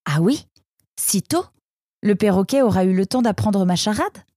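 A woman's voice: mid-range voice, animated, moderate pace, warm tone, no room sound, clean studio sound, pitched above the performer's own voice, close to an everyday voice. A woman voicing a shy, earnest young male storybook animal who speaks hesitantly and politely. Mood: timid polite.

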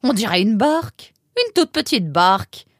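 A fussy, excitable female creature who runs a watermill, always fretting and exclaiming, as a woman puts her on for a storybook. Her voice sits high and jumps wildly up and down, with a breathy edge. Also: normal speed, dry recording, clean studio sound. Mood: amazed. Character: fussy excitable female animal, mill keeper. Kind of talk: storybook character voice.

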